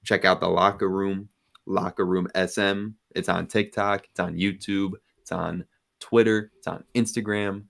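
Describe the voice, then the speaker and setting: Young male sports show host, deep voice with gravelly fry, laid-back delivery. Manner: relaxed, plugs socials and sponsor. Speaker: podcast host. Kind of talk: casual sports chat.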